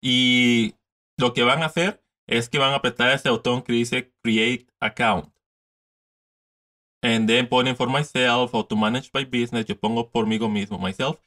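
A man's voice: medium pitch, fairly even intonation, unhurried, sharp tone. A man in his thirties giving a casual step-by-step screen tutorial from his desk, repeating steps and mixing in English words. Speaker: tutorial host.

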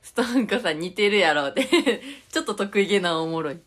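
A woman's voice: medium pitch, animated, brisk. A young woman with a Tokushima dialect, chatting casually on a live stream and reading viewer comments aloud with frequent giggles. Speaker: idol livestreamer.

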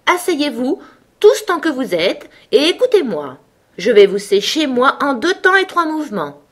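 A woman's voice: mid-range voice, animated, normal speed, lightly acted. A woman voicing a fussy, self-important mouse who lectures pompously in a storybook reading. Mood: commanding.

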